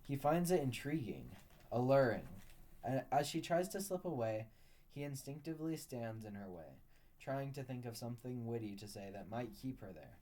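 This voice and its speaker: A man reading a story aloud at a steady, unhurried pace. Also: medium pitch. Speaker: narrator.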